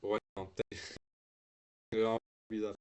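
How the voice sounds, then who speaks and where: A man's voice: on the low side, little pitch movement, unhurried, darkish tone. A teenage boy live-streaming from home, chatting loosely with slang and swearing, full of restarts and trailing fillers. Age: teens. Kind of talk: casual live-stream chat.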